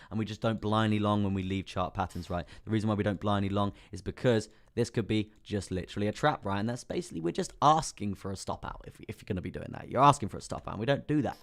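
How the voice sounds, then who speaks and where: A young English man with a hoarse, partly lost voice, hosting a casual crypto live stream, chatting about charts and greeting viewers by name. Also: lowish voice. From England. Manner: chatty, reads out viewer names and laughs often.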